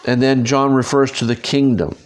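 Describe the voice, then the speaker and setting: A man's voice: mid-range voice, steady tone, normal speed. A man teaching a Bible study on his podcast, talking to listeners directly and conversationally. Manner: conversational, direct, asks listeners to follow along. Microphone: podcasting microphone.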